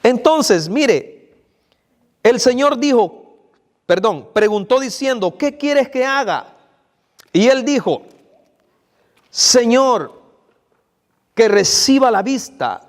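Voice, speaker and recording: High-voiced preacher in a reverberant hall. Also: male voice, lively intonation, slow pace, long pauses. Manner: addresses the congregation directly, repeats phrases for emphasis. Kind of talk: evening church sermon. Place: church hall. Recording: long reverb of a church hall.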